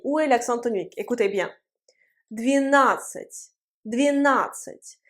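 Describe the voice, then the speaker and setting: A woman with a high voice gives a language lesson at a board. She speaks slowly and patiently, repeating each word so learners can follow. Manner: patient, drills words slowly and repeats them. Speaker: Russian language teacher. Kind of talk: video lesson. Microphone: writing on a board.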